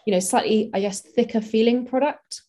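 A woman's voice: on the high side, fairly quick, dark tone. Chatty woman makeup artist. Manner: chatty, practical, many fillers. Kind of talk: casual interview chat.

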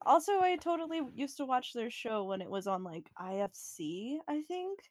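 A woman's voice: a little high, very animated, normal speed, no room sound, studio quality. A young woman co-hosting a casual podcast, rambling with many fillers and frequent giggles. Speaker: podcast co-host. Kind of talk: casual chat. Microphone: home mic, online call.

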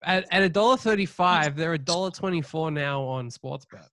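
A man's voice: fairly high pitch, normal speed, pushed and bright, dry recording. A man hosting a podcast in casual sports betting banter, teasing and swearing freely. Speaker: podcast host.

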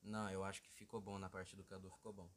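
A man's voice: low voice, little pitch movement. A man with a southern Brazilian gaúcho accent co-hosting a podcast in casual, teasing chat. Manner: joking, teasing, quick to laugh. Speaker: podcast co-host.

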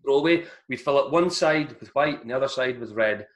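A man, a former soldier, telling stories in a casual chat with a lively, laughing delivery. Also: mid-range voice, fairly quick. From Scotland. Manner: animated, laughing storyteller who acts out voices. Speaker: guest, ex-soldier.

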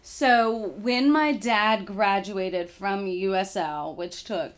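A woman's voice: medium pitch, slow pace. A young woman in her twenties from Texas, a guest in a casual interview, telling her family story in a rambling, chatty way.

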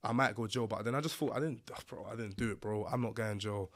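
A man's voice: on the low side, fast, a bit bright. A man with a London accent and roadman slang, telling his own story casually as a podcast guest.

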